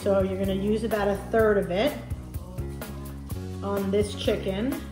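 A middle-aged woman hosting a cooking show explains a recipe step by step in a casual demonstration in her home kitchen, indoors. Music and frying and sizzling sounds play behind her medium-pitched, fairly even voice, which moves a little slowly.

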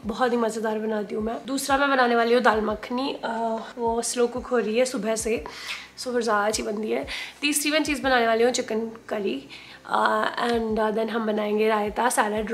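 A woman in her thirties talks casually while she cooks, often dropping in English words. Her voice sits high, and the room adds a lot of echo. She is recorded by a camera standing across her home kitchen. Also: fairly bright tone. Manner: chatty, mixing in English words. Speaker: cooking vlogger. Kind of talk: casual cooking vlog chat.

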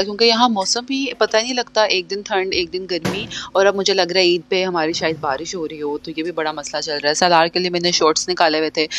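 A woman's voice: on the low side, fairly bright tone, a little hiss or hum. A young woman, narrating her home cleaning vlog in a chatty voice-over that slips between languages. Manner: chatty, mixes in English phrases, many fillers. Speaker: vlogger and homemaker. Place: home, living in London.

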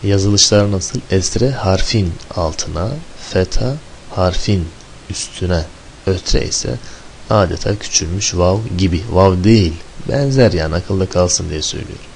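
A man's voice: low voice, measured pace, gravelly, slight background noise. A man teaching an Arabic lesson, drilling syllables one by one and asking rhetorical questions as he explains. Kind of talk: recorded lesson.

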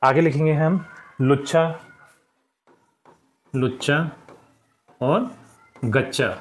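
Patient male teacher, higher voice. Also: very slow. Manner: patient, repeats answers, frequent "theek hai". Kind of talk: explaining a textbook lesson.

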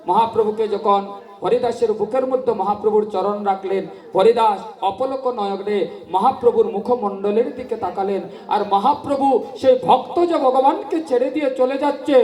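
A man giving a devotional storytelling sermon at a memorial gathering, slow and sing-song, rising in fervor. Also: sits high, dark tone. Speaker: kirtan preacher. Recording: echoey hall, mic from a distance.

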